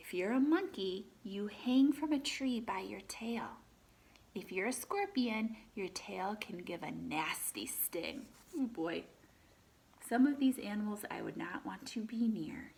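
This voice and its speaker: Her voice is mid-range, sing-song and creaky, with a darkish tone, captured in a rough recording. She reads a picture book expressively to little ones, pausing for chatty comments and questions.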